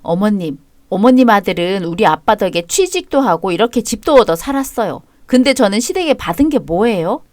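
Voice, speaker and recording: A woman's voice: medium pitch, animated, fairly quick, darkish tone, no room sound, studio quality, close to an everyday voice. A woman voicing a young married woman who talks in a cool, cutting and firm way. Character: sharp-tongued young married woman, daughter.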